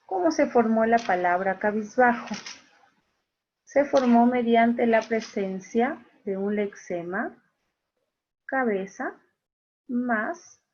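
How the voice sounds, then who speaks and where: A woman teacher giving an online class, speaking slowly, repeating key phrases and checking in with her students. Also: on the high side. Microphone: video call. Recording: dull lo-fi video call audio.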